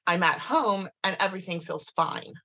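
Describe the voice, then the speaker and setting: A woman guest telling a personal story in casual conversation, animated, full of "like" and restarts, acting out what people said. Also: lowish voice, normal speed. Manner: animated, many "like"s and restarts, acts out quotes.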